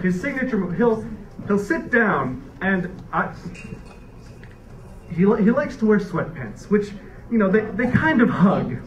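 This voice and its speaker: In a roomy, distant, dull recording full of audience laughter, a young man in his early adulthood performs stand-up on a dark theater stage. His high voice comes through a handheld mic, filmed from a far camera, as he rambles wryly and keeps restarting.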